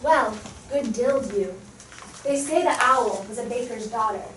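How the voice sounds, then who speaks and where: A woman with a slightly high, somewhat bright, natural voice performs verse drama on stage at a normal speed. She plays a young noblewoman maddened by grief who drifts distractedly between speech and snatches of song. She is recorded from far off in an echoey hall, with a little hiss or hum.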